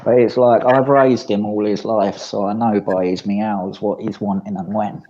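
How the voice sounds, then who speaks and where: A man's voice: fairly low pitch, fairly even intonation, moderate pace, mellow, muffled recording. A man chatting casually on a stream, rambling and restarting his sentences.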